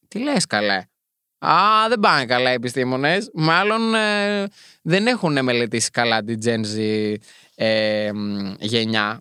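A man's voice: bright, forceful tone, smooth, dry recording, studio quality. Campy chatty young Greek man. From Greece. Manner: campy, chatty asides with sudden pitch jumps and swearing. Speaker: podcast host. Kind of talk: solo podcast monologue, reading and commenting.

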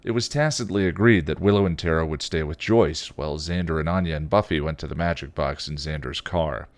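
A man hosting a podcast, reading a fan fiction chapter aloud with expressive delivery and occasional slips. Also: a bass voice, fairly quick, no echo. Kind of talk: read-aloud story narration.

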